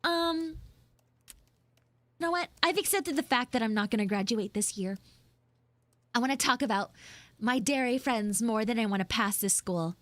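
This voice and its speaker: A VTuber livestreamer improvises in character as a flustered tomboy tsundere schoolgirl, full of dramatic, whiny exasperation. Her fairly high, bright voice is expressive and moderately paced with frequent pauses, and there's no room sound.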